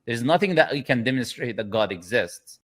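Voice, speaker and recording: A man's voice: mid-range voice, expressive, fairly quick. A man hosting a debate on a video call, speaking firmly and insistently, repeating his points. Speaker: host.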